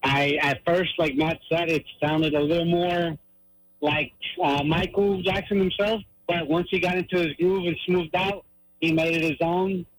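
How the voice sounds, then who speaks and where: A man calling in to a radio show with a fairly high voice, upbeat and plainspoken. The sound is dry. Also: steady tone, normal speed, no echo, poor audio. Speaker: call-in judge.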